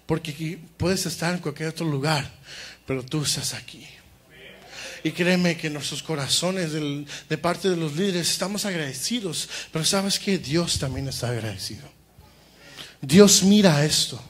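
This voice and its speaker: A man preaching a sermon in church with passion, going from loud outbursts to hushed appeals. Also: fairly high pitch, moderate pace.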